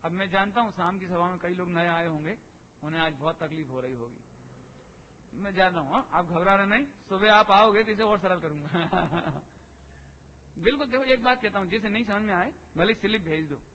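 A man preaching a sermon to an assembly, lively and full of rhetorical questions to his listeners. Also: sits high, normal speed, a little hiss or hum. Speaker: Jain preacher. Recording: echoey hall, dull lo-fi sound.

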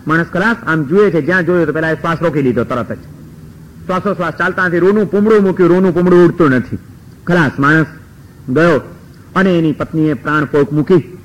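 A man telling a devotional story with dramatic flair. His voice sits notably high, and he paces the scenes vividly, building each moment. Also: poor audio. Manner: lively, dramatic narration.

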